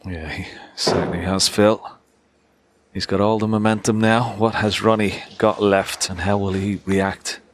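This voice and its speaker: Deep-voiced male snooker commentator. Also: little pitch movement, a little slow, noisy background. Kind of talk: conversational live snooker commentary.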